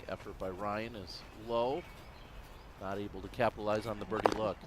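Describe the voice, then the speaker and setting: A man's voice: lowish voice, steady tone, brisk. A man hosting live sports coverage and calling the play as a commentator. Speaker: broadcast host and play-by-play commentator. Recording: loud crowd and outdoor noise behind.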